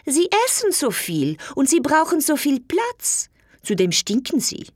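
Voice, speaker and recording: Alina, a woman doing a spiteful, shrill wife. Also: wildly swooping pitch, a little slow, dry recording, clean studio sound, heavily acted. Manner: spiteful, scornful. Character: cruel, haughty young wife Alina.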